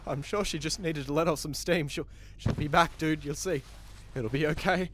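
An actor playing a soft-spoken young man whose hesitant affection turns obsessive and frantic. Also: fairly high pitch, moderate pace, noisy background, close to an everyday voice. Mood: panicked. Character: lovesick young man turning obsessive and violent. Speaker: actor in an audio drama.

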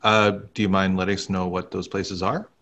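A man's voice: low-pitched, flat delivery, moderate pace, fairly bright tone, muffled recording. A man hosting a podcast who keeps the talk moving with questions for his guests. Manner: prompting with questions. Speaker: podcast host. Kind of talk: casual interviewing.

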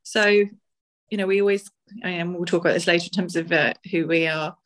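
A woman's voice: lowish voice, fairly even intonation, moderate pace. Chatty woman. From Essex, England. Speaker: podcast co-host. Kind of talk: casual sports discussion.

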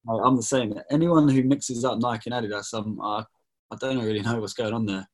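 British pastor in his thirties, relaxed and jokey, video call. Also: medium pitch, a little fast, poor audio. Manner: relaxed, jokey, keeps saying mate. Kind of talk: casual video call interview.

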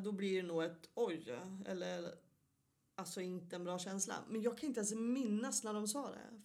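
A woman's voice: mid-range voice, a little mellow. A woman, a guest in a casual interview, telling stories with frequent laughter and acted-out voices.

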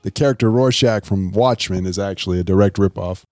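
A man's voice: fairly low pitch, brisk, darkish tone, faint music behind. A man hosting a podcast, chatting casually and explaining things in a loose, rambling way. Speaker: podcast host. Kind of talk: casual chat with reading and recapping.

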